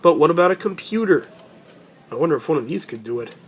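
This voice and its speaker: A man in a casual vlog, excitable about gadgets, his voice strained by allergies, in an electronics store. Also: fairly high pitch, fast, slightly rough, poor audio. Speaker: vlogger.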